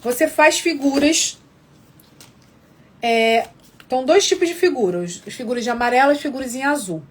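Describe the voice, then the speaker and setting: Breathy high-voiced woman teaching. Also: expressive, moderate pace. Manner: explains step by step, addresses viewers with "tá?" and "ó". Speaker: educator teaching literacy games. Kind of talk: casual live lesson.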